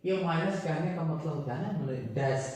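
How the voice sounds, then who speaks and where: A man's voice: on the high side, a little mellow. Man teaching in a very echoey room. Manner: asks the class and answers himself; repeats each word slowly. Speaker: Japanese language teacher. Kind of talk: classroom lesson. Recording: echoey, mic far off.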